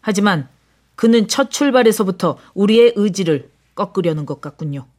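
Lightly acting, a woman explains things in the role of an enigmatic, composed older foreign man for an audiobook drama. Her delivery stays quiet, low and unhurried.

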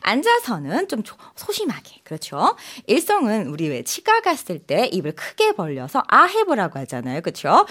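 A woman teaching a language lesson on the radio in a lively way, coaxing her co-host along and often checking "right?". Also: mid-range voice, normal speed, hardly any pauses. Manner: animated, coaxing, keeps asking "right?".

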